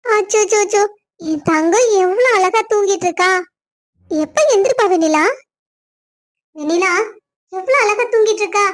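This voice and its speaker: A very high, fussy cartoon mother. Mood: doting. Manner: fussy, chatty, affectionate. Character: chatty family women, mother and aunt figures. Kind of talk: cartoon voice acting.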